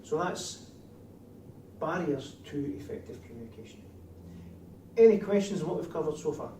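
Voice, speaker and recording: A man's voice: on the high side, expressive, normal speed. A man with a broad Scottish accent teaching a class as a trainer, putting questions to his trainees. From Scotland. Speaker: trainer of door supervisors. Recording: distant mic, echoey room, faint noise.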